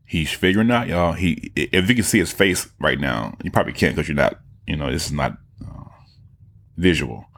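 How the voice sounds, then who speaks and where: A man giving casual, animated commentary on podcast clips, mocking and often jumping into high voices to impersonate people. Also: moderate pace, creaky.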